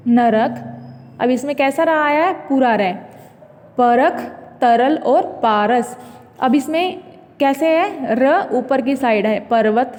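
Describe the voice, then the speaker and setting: A woman teacher slowly reading out a school exercise, dictating words one by one with patient explanations. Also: high-pitched, dark tone, long reverb tail. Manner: slow, patient word-by-word dictation.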